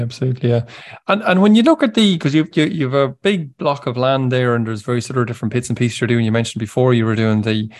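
Male host for a relaxed interview; medium pitch, roundabout, thinking-aloud delivery. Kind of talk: conversational interviewing.

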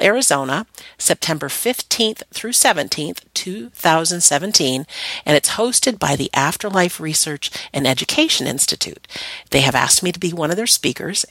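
A woman's voice: low-pitched, a bit bright, no echo. A woman hosting an online radio show, giving an upbeat scripted introduction and then chatting with enthusiasm in an interview.

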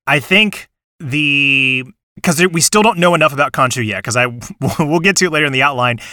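A man's voice: a little high, expressive, normal speed, bright, forceful tone, no room sound, studio quality. A man hosting a casual podcast discussion, talking enthusiastically in rambling bursts with frequent restarts. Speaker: podcast host.

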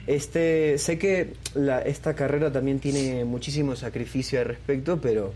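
A man's voice: medium pitch, fairly even intonation, normal speed, mellow, slight background noise. A young man from Ecuador, a singer being interviewed, talking casually with many fillers and restarts. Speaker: guest singer.

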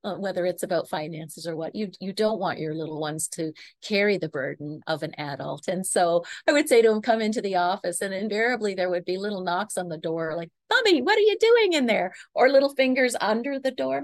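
A woman's voice: deep voice, no echo. A middle-aged woman coach, a guest on a podcast, talking about marriage in an encouraging, affirming, teaching way. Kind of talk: podcast interview.

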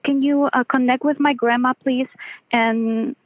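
A woman's voice: high-pitched, steady tone, unhurried, no room sound. A woman calling in to a podcast, heard over a phone line and talking hesitantly with many fillers. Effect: caller heard over a phone line. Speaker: caller to a call-in podcast.

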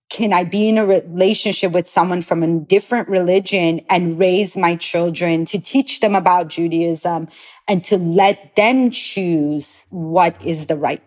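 A woman in her forties, a guest telling her family story in an earnest, reflective way. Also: lowish voice. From born in Iran, raised in Los Angeles. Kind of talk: personal storytelling.

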